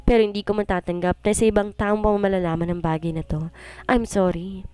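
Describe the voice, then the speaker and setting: A tearful young man begs forgiveness, as a woman reading the story puts him on. The voice is smooth and clear, in a dry, close recording, apologetic and pleading throughout. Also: mid-range voice, steady tone, brisk, warm tone, no room sound, close to an everyday voice.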